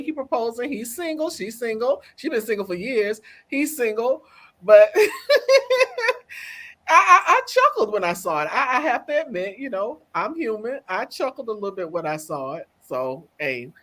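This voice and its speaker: A woman's voice: lowish voice, fairly bright tone. A woman co-hosting a talk show, chatting casually and with animation, laughing and calling out to her audience. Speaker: co-host. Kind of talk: casual chat.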